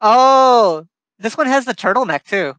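A young man with a mid-pitched, animated voice chats easily as a guest. He asks questions and muses in a relaxed way, recorded dry and close. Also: normal speed, no room sound, low-quality recording. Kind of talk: casual gaming chat.

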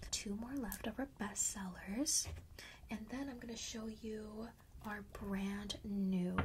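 In a casual ASMR roleplay, a woman whispers breathily, mostly unvoiced, as a friendly, persuasive seller in a witchy perfume shop. Her voice is on the high side against a noisy background, and she chats and coaxes one customer, checking in with them often.

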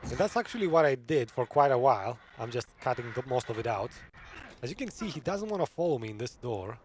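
Lively chatty man streaming a game. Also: medium pitch, quick pace, a little hiss or hum. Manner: chatty, laughs often, reads chat aloud. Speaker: gaming streamer. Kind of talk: live gameplay commentary.

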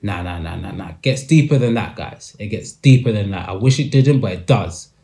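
Mellow, emphatic podcast host man. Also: fairly low pitch, lively intonation, normal speed. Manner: emphatic and repetitive. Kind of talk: casual commentary.

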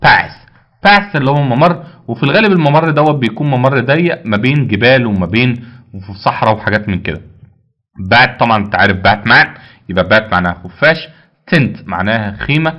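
A man's voice: mid-range voice, lively intonation, fast talker, muffled recording. A man with an Egyptian Arabic accent teaching English vocabulary, repeating each word and answering his own questions. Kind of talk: vocabulary lesson.

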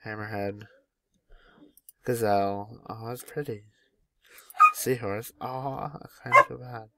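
A man's voice: fairly low pitch, steady tone, slow, noisy background. A young man at home casually commenting on a game mod, chatty and easily delighted as he names each animal that appears. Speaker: gaming YouTuber.

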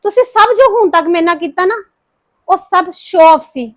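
A woman acting as a heartbroken young wife in a family drama, who speaks with a Punjabi accent and pours out rapid, reproachful complaints against her in-laws. Her voice sits very high. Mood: bitter, accusing. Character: grieving young wife confronting her mother-in-law. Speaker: daughter-in-law Harpreet.

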